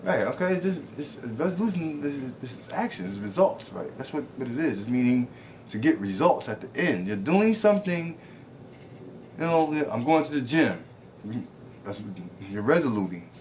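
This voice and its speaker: This game streamer's voice is mid-range, sing-song and a little mellow, moving at a moderate pace with slight background noise. He goes on an unscripted, profane, rambling rant as he plays, repeating words and imitating others in mocking voices.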